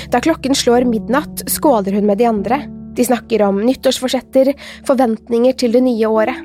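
A woman narrates a true crime podcast from a script, her voice fairly high and a little mellow, with faint music playing behind her.

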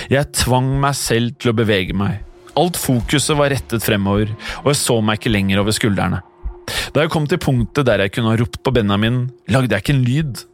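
A man narrates a scripted first-person horror story, keeping his delivery tense and hushed. His voice sits at an ordinary middle pitch, and faint music plays softly beneath the narration.

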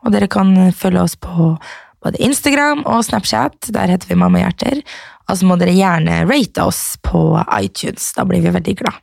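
A woman's voice: on the low side, gravelly, no echo, studio quality. A woman in her twenties co-hosting a podcast, telling stories in casual chat and laughing often. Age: 20s. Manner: chatty storyteller, laughs often. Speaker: podcast co-host.

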